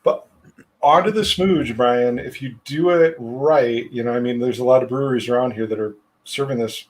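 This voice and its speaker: A man's voice: medium pitch, normal speed, rough recording. A man hosting a podcast, rambling in casual chat with lots of fillers and casual swearing. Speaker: podcast host.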